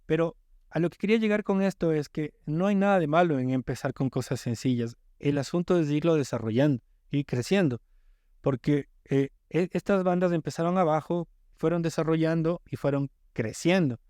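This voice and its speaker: A man's voice: a little high, normal speed, a little mellow, clean tone, dry recording. Emphatic man explaining in a dry room. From Ecuadorian coast. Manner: emphatic, explanatory, repeats words when starting. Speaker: guest music producer. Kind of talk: casual podcast chat.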